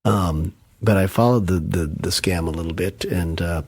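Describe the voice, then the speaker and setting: A deep-voiced man with a husky edge, co-hosting a podcast and telling a story in a meandering way, with frequent restarts. The sound is dry and close, with no room around it. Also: moderate pace, no room sound. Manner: rambling, self-interrupting storyteller. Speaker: podcast co-host. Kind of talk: casual chat.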